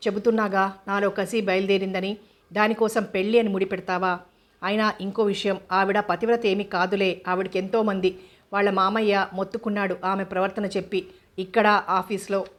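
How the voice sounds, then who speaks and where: A woman reading the lines of an angry, defiant young husband in a storybook drama, in a flat, even way. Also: medium pitch, moderate pace, close to an everyday voice. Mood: scornful.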